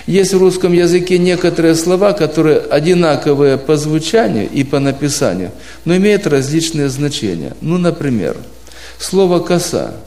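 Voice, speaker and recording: A man's voice: a little high, expressive, moderate pace, dark tone. A man giving an informal talk to a group of church brothers, patiently explaining points with homely examples and questions. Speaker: preaching instructor. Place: church congregation abroad.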